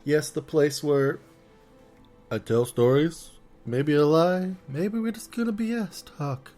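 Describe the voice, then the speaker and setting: A man's voice: fairly high pitch, takes it slowly, a little mellow, soft background music. A male podcast host in casual solo chat, playful and chatty, talking while he eats.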